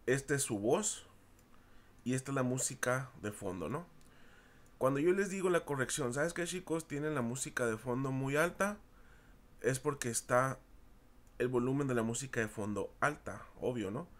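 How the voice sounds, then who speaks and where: A middle-aged man delivers a recorded class lecture. He speaks informally and circles back over the same points, often turning to his students directly. His voice sits at an ordinary middle pitch. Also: animated, normal speed. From Mexico. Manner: informal, repeats himself, addresses students as chicos. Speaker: university audio recording teacher.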